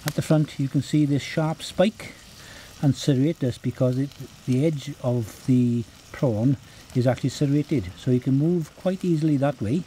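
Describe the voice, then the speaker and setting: A Welsh man in his fifties talks through a cooking demonstration in an easygoing, chatty way, often pausing on "uh". His voice is mellow and dark, and it sits at a middle pitch for a man. A faint outdoor noise sits behind him. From Wales. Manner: relaxed and chatty, frequent ums and uhs. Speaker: forager and outdoor cook. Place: rocky beach outdoors.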